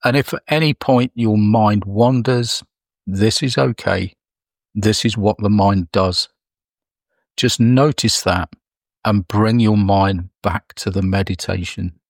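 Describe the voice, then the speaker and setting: Male meditation guide, unhurried and gentle, lowish voice, dry close recording. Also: no echo. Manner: slow, soft, soothing delivery with long pauses.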